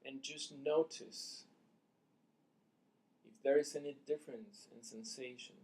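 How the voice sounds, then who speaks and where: Short, soft phrases and long pauses mark this guided meditation, led by a man with a mid-range voice. As teacher, he gives his calm instructions slowly and deliberately.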